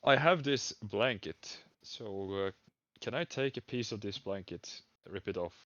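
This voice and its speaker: A man playing a tabletop game, speaking deliberately and carefully. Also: lowish voice, dull audio, background noise. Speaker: player. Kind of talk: casual tabletop game chat.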